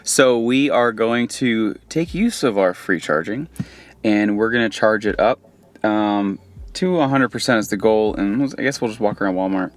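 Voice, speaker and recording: A man's voice: lowish voice, normal speed. A man with a Southern accent, chatting casually and thinking aloud while he drives on a road trip vlog. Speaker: vlogger driving an electric car. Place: inside a car.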